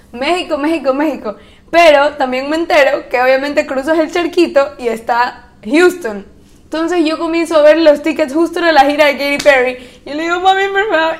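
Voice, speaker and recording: A young woman from Ecuador telling a story in casual chat, animated and laughing often as she acts out the people in it. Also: high voice.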